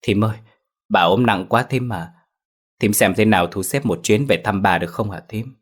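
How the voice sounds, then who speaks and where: A man voicing a gentle, caring young wife who speaks softly and pleads. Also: on the low side, normal speed, lightly acted. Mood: pleading. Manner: soft, pleading.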